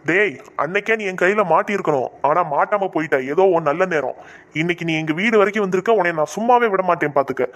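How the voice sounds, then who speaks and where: Man doing a cocky young cartoon suitor, fast-talking, high for a man, defiant. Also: fairly bright tone. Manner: brash, defiant, boastful. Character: pushy young male rival suitor, cocky. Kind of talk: comic cartoon voice acting.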